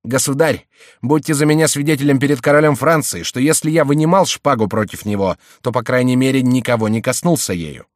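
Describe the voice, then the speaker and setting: A man's voice: medium pitch, brisk, no echo, clean studio sound, voice pushed up, natural voice. A man doing a sorrowful loyal jester. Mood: solemn. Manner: earnest, sorrowful pleading. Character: loyal melancholy male jester-envoy, grave.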